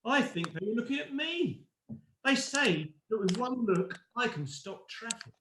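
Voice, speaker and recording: A man's voice: very high voice, sing-song, a little slow, a bit bright, heavily acted. A man playing a vain, pompous pantomime ugly sister, grandiose and scornful in broad stage style. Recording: roomy echo, faint noise, clicks.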